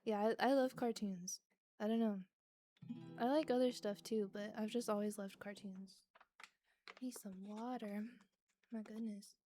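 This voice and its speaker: Woman streamer just chatting w/ chat at home, mellow warm voice, jokey and self-deprecating, desk mic. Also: medium pitch, fairly even intonation, measured pace, long pauses, faint music behind. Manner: chatty, self-deprecating, answers viewers' messages. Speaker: live streamer. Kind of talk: casual chat with viewers between songs. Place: her apartment. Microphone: desk microphone she can mute.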